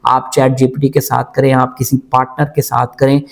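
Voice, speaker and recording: A man teaching as an IELTS coach, explaining calmly and mixing English phrases into his Hindi-Urdu, slowing down to model sentences word by word. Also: mid-range voice, vocal fry. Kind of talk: instructional video lecture.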